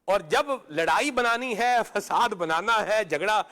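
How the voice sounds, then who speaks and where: A man's voice: high voice, animated, bright, forceful tone. A man. He explains through homely examples and answers his own rhetorical questions. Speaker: religious talk show panelist. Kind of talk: moral advice talk.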